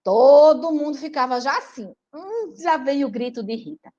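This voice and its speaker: Animated woman telling stories. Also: sits high, normal speed, dull audio. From Recife, Brazil. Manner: animated, chatty, addresses audience directly. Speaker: teacher and writer giving a talk. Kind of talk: lively storytelling lecture.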